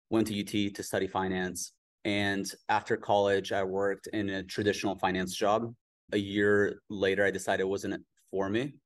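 A man's voice: low voice, no echo. A man from Albania, a company founder, talking casually in an interview and saying "like" often. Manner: relaxed, says "like" often.

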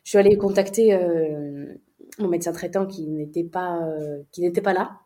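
A woman's voice: lowish voice, normal speed, warm tone. A young woman recounting a personal story in an interview, hesitant, with many fillers and restarts. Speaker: guest.

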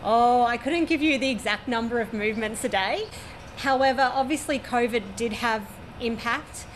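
Speaking at a moderate pace in a voice on the high side, this Australian woman in her forties answers interview questions in a detailed, matter-of-fact way. She's an air traffic controller at a regional airport, with a view over the runway.

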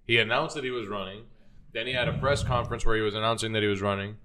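A man's voice: lowish voice, fairly even intonation, rapid-fire, pushed and bright. A young man co-hosting a podcast, talking in a rambling, slangy, casual way. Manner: rambling, slangy, with a mock-announcer mukbang bit. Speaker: podcast co-host. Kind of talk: casual chat.

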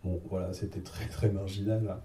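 A man who is a game designer speaks as a guest in a casual panel talk, hesitating, searching for words and using many fillers. His low voice is flat in delivery at a moderate pace. He is recorded from a distance in an echoey room with background noise.

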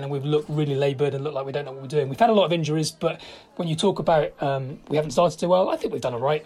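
Fast-talking husky guest fan. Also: male voice, a little high, a little mellow. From Portugal. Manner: chatty, rambling fan opinions. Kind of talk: casual phone-in chat.

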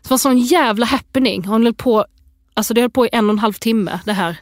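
A woman's voice: a little high, no echo, clean studio sound. A woman co-hosting a casual chat, telling stories animatedly and acting out her toddler's lines. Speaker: podcast co-host.

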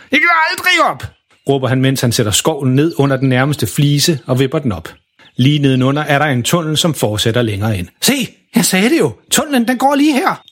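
A man voicing a stubborn, bumbling father who talks eagerly and bursts out loudly. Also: medium pitch, breathy edge. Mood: determined. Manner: eager, loud outbursts, determined. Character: stubborn excitable middle-aged father, bumbling.

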